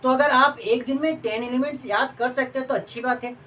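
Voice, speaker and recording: A woman teacher with a somewhat high voice, talking a class patiently through a study lesson. She recites long lists two items at a time in a steady rhythm. She sits a little away from the mic, with faint room noise behind her. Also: fairly quick, far from the mic, low-quality recording.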